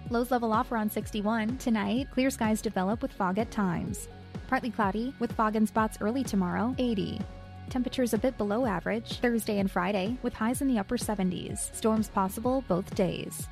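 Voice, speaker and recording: A woman's voice: a little high, creaky, darkish tone. Lady doing the weather on the radio, faint music underneath. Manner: brisk, measured forecast reading. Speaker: meteorologist. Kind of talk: scripted weather forecast.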